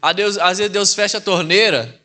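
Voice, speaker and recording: A man preaches a church sermon in a Mineiro Brazilian accent, with a fairly high, bright voice. He is a deacon, and he talks to the congregation in a conversational way, calling them brothers. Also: normal speed. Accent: Mineiro Brazilian Portuguese. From Minas Gerais, Brazil.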